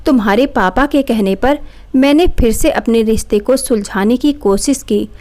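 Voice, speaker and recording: A woman's voice: on the high side, moderate pace, a little mellow, natural voice. A woman voicing a young husband, earnest and pleading, in a told story. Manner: earnest, then stern.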